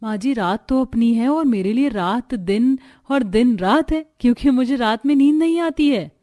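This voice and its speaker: A woman's voice: a little high, lively intonation, moderate pace, warm tone, lightly acted. A woman voicing a carefree young daughter-in-law who talks in a breezy, cheeky way.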